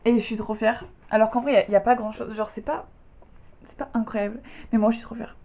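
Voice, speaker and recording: A woman's voice: fairly high pitch, level tone, a little fast, warm tone, slight background noise. A young woman vlogging casually from her bedroom, tired and just out of bed, chatty and full of slang and fillers. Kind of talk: casual chat.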